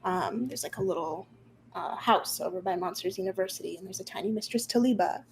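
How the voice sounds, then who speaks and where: A young woman narrating an online tabletop roleplaying game as game master, improvising her descriptions haltingly. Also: medium pitch, darkish tone, a little hiss or hum. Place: room at home, on a group video call. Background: faint music.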